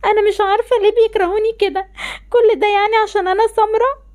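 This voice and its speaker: A tearful, pleading young girl, voiced by a woman with an Egyptian accent, sounding very high. She talks quickly, as a storybook game character who feels rejected by her family. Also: steady tone, a little mellow. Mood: sad. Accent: Egyptian Arabic.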